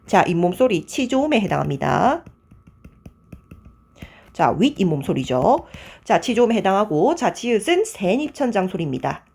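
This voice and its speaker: A woman teacher runs an exam-prep grammar lecture at a brisk clip, her pitch rising and falling in wide swings. She keeps asking her students to confirm each answer before she moves on. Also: very animated, creaky, a little mellow, breathy edge.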